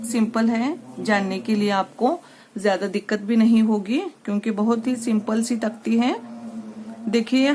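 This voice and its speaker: Slow, patient woman teaching a reading lesson. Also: fairly high pitch, darkish tone. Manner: slow, patient, repeats each step.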